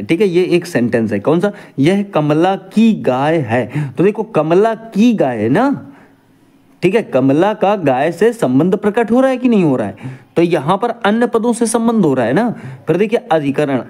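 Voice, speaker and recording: A male teacher leads an exam-prep grammar class in a lively way, his pitch swinging up and down. He turns each point back into a question for his students and calls them dear children.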